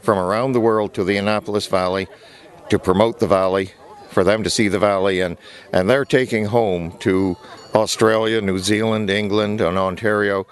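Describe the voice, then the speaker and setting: Low-pitched man in an interview. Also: fairly even intonation, normal speed. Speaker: event organiser. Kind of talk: interview answers.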